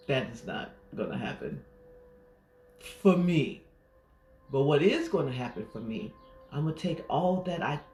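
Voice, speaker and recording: A woman life coach giving a gentle, reflective affirmation talk, pausing often. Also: sits low, a little hiss or hum. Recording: roomy echo.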